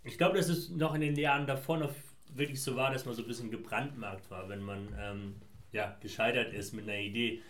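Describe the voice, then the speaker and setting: A man's voice: mid-range voice, fairly even intonation, fairly quick, a bit bright. A man from Afghanistan, a founder answering interview questions in long, winding, reflective sentences. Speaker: guest, founder. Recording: roomy echo.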